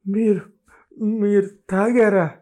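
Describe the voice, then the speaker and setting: A man's voice: high-pitched, level tone, takes it slowly, darkish tone, pitched above the performer's own voice. Man voicing a frightened, indignant young bride. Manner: pleading and indignant, raised voice. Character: frightened, furious young bride on her wedding night.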